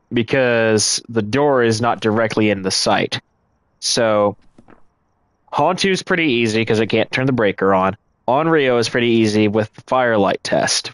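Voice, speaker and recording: A man's voice: on the low side, no room sound. A man streaming a ghost-hunting game live, casually thinking aloud and explaining his moves to the chat. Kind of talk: live gameplay commentary.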